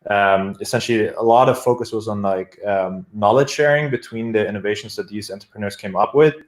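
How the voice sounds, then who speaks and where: A young German guest with a thick accent, a product manager, chats casually in an interview about his work, rambling with many fillers and restarts. His voice is lowish and a little fast, heard in an echoey room.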